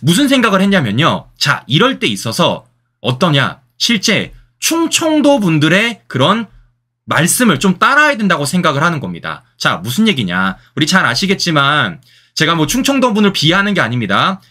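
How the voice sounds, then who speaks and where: A man's voice: a little high, huge pitch swings, normal speed, bright, forceful tone. A man hosting solo political commentary, firing rhetorical questions at his viewers and repeating key phrases for emphasis. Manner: addresses viewers directly.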